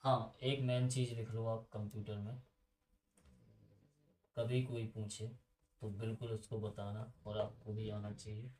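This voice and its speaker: A man gives a casual computer lesson, chatting with his students and wandering off into asides. His voice is low and mellow with fairly flat intonation. He sounds a little off-mic, in a room with noticeable echo. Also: unhurried, pauses often, far from the mic. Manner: chatty, asks students questions and digresses. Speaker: computer teacher.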